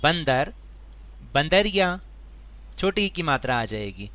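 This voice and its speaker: A man's voice: a little high, sing-song, slow pace, bright, forceful tone. A man teaching a grammar worksheet, explaining patiently step by step and asking his students questions. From India. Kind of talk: worksheet lesson.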